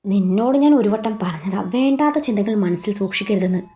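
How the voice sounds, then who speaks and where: A woman's voice: medium pitch, expressive, a little fast, mellow, faint music behind, pitched below the performer's own voice, lightly acted. A woman voicing a young man, an earnest and protective lover, who speaks in firm, clipped questions in a read-aloud romance story. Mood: stern.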